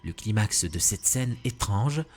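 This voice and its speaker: A man's voice: on the low side, measured pace. A man reading scripted, formal narration for a compilation of eerie videos. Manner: even, formal, ominous phrasing.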